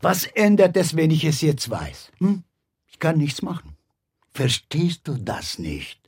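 Man acting a bitter immigrant father, husky, swinging pitch, scolding, audio drama. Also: wildly swooping pitch, a little slow, full character voice. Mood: desperate scolding.

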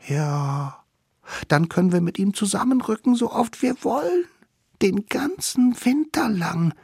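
Brief: man voicing small wild Stone Age children, high and excitable, teeth chattering in the cold. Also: husky, dry recording, studio quality, heavily acted.

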